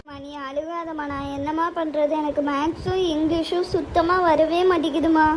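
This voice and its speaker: A woman's voice: sits high, little pitch movement, moderate pace, slight background noise, lightly acted. A woman voicing a lazy, failing younger teen daughter in a cartoon comedy, sulky and pleading with her mother.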